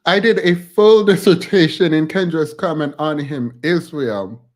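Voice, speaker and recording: A man's voice: fairly high pitch, measured pace. A man making casual reaction commentary, laughing through incredulous asides. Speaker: reaction streamer.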